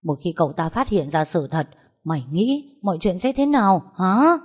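A woman voicing a stern, domineering older father who scolds and shouts at his daughter. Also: on the low side, very animated, normal speed, slightly rough. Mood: furious.

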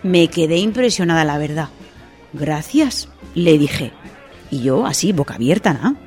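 A woman telling a comic story on local radio in a chatty, expressive way with asides. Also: low voice, moderate pace, soft background music.

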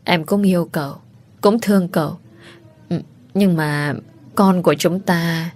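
A woman's voice: lowish voice, a little slow, darkish tone. A woman voicing a frightened, pregnant young wife who pleads tearfully in a storybook reading.

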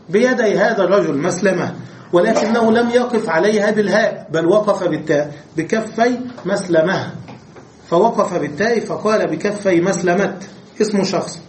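A man with a high voice leads a classroom grammar lesson. He works through each point slowly and keeps asking his students rhetorical questions. The room is echoey, with a faint background hiss. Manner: explains step by step, asks the class rhetorical questions. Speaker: Arabic grammar teacher.

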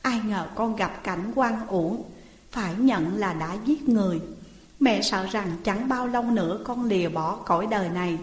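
A woman's voice: medium pitch, normal speed, lightly acted. A woman voicing a mother who mournfully laments over her jailed daughter. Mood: grieving. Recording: roomy hall reverb.

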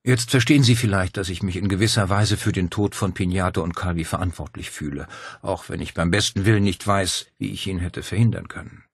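A man voicing an earnest, composed female police commissioner in an audiobook, speaking in a measured, explanatory way. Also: low voice, breathy edge, no room sound, studio quality. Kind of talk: audiobook character voice.

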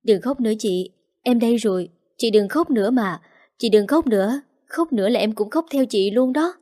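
A woman's voice: on the high side, moderate pace, dark tone, close to an everyday voice. A woman voicing an injured young man who earnestly soothes and reassures his older sister. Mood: soothing.

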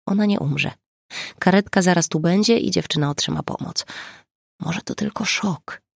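A reader voicing a gentle woman friend who speaks softly and soothingly. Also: medium pitch, moderate pace, creaky, no echo, studio quality. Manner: gentle, soft.

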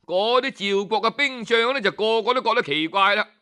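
Telling an old tale in the traditional storyteller's style, a man with a Hong Kong Cantonese accent speaks in a high, clean, smooth voice. He takes his time, expressively drawing out particles and pausing for dramatic effect.

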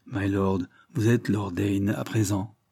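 A man's voice: lowish voice, level tone, takes it slowly, mellow. A man reading a bold, biting tenant. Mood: insistent. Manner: respectful yet biting, nearly imperious. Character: deferential but bold male tenant seeking a lease.

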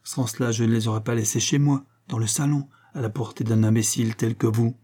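A man's voice: on the high side, animated, normal speed, mellow, pitched above the performer's own voice. A man doing a sneering, icy master criminal. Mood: mocking cold. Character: mocking, cold-blooded male master criminal.

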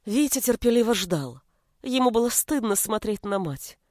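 A woman reads a story aloud in an expressive, lively voice of middle pitch. The recording is dry and close, with no room echo. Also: normal speed. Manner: expressive reading. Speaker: narrator. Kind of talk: storybook narration.

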